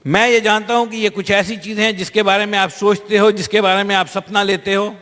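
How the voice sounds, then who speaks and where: A man interprets a speech live in a large hall, fluent and conversational, with small restarts. His voice is high for a man, and the reverb hangs after each phrase. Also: flat delivery, brisk, fairly bright tone.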